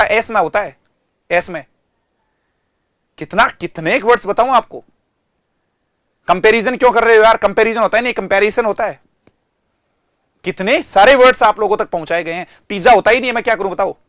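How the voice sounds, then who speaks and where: A man with an Indian accent teaching an online language lesson in a lively, teasing, mock-exasperated way. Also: a little high, dry recording, clean studio sound.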